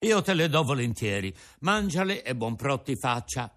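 A man voicing a patient, kindly old carpenter father who moralizes calmly. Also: mid-range voice. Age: older. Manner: calm, slow, moralizing.

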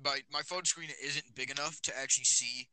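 A man's voice: mid-range voice, fairly even intonation, fairly quick, a crowd in the background, poor audio. A teenage boy hosting a casual podcast with friends, rambling with lots of fillers, recorded on a phone. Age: teens. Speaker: podcast host. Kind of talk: casual chat.

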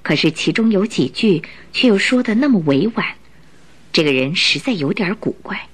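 A woman narrates a radio drama, telling the story in an expressive, scripted way. Her voice is husky and mid-range, and she speaks at a normal pace.

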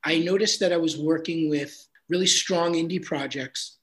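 A man's voice: fairly high pitch, moderate pace, poor audio. A man working as a film composer, talking earnestly and thoughtfully in an interview, with repeats and restarts. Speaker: film composer and sound designer. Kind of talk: casual interview chat.

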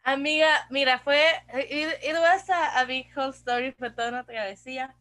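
A woman's voice: high-pitched, steady tone, moderate pace, a bit bright. A young woman with a Costa Rican accent, co-hosting a podcast and telling stories in casual chat, dropping English phrases and slang. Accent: Costa Rican Spanish. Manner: chatty storyteller mixing in English phrases and slang. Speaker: podcast co-host.

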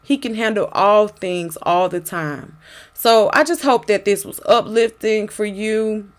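A woman hosts a casual devotional podcast, encouraging and exhorting her listeners. Her voice is medium in pitch and her delivery is a little slow.

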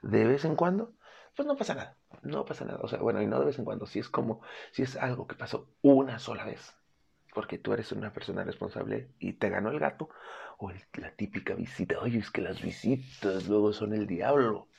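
Young Mexican man, pet-care vlogger; low, husky, raspy voice, chatty and playful. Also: fairly quick, darkish tone. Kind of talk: casual advice vlog.

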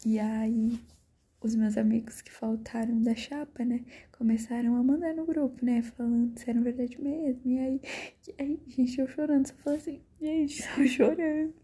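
Brief: teen Brazilian podcast host, casual storytelling, raspy breathy voice, mellow low warmth, often near a whisper. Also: female voice, fairly even intonation, moderate pace. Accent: Brazilian Portuguese. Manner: breathy, drifting into half-whispers, fillers like "tipo" and "mano".

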